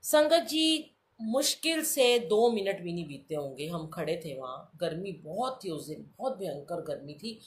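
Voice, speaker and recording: A woman's voice: fairly low pitch, very animated, normal speed, a little hiss or hum. A middle-aged woman sharing her own devotional testimony as a story, often calling out to the listeners and acting out the people in it. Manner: repeatedly addresses listeners as sangat ji, acts out quoted dialogue.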